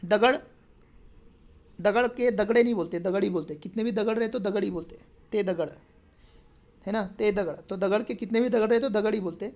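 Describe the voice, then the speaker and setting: A man's voice: high-pitched, normal speed, darkish tone. Male teacher, chatty. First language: Marathi. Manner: conversational, checks in with frequent tag questions. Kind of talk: exam paper walkthrough lesson.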